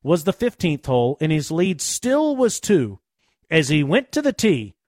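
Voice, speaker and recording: Casting: male golf show host, fairly high voice, recap narration, close dry studio sound. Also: sing-song, measured pace, darkish tone, no room sound.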